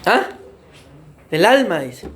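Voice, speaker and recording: A man's voice: high-pitched, sing-song, slow, a bit bright, slight background noise. A man preaching a sermon as pastor, often addressing his congregation as beloved brothers and putting questions to them. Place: church.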